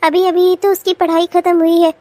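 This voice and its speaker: A woman voicing a worried, gentle mother in a cartoon, who reasons hesitantly. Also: very high voice, level tone, normal speed, no room sound, pitched below the performer's own voice. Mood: concerned. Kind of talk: cartoon voice acting.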